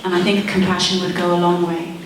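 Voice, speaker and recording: A debater in her thirties, born in Malawi and raised in Zimbabwe, speaks quickly in a lowish voice with flat delivery. Her speech is earnest and persuasive, dotted with wry asides. She's away from the mic in a very echoey hall with slight background noise.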